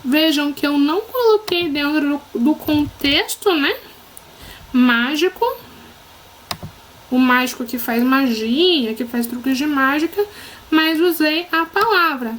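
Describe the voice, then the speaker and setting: A woman's voice: high voice, expressive, slow pace, fairly bright tone, a little hiss or hum, poor audio. A woman teacher with a Brazilian Portuguese accent giving a recorded lesson to children, patient and encouraging, often checking that they follow.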